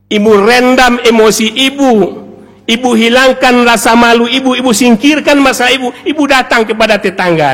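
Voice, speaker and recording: A devoted mother pours out her sacrifices to her child in a tender, pleading sermon voice, as a man preaching takes her part. The voice sits high and drops to hushed murmurs before rising to anguished cries. It rings out with the long reverb of a large mosque hall. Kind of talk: Ramadan night sermon, dramatic storytelling.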